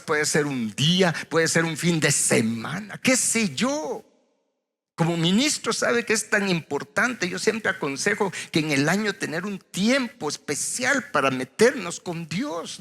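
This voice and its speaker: Pastor guy preaching, gravelly higher voice, long hall echo. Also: pushed and bright. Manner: storytelling with acted quotes, conversational asides. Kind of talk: sermon.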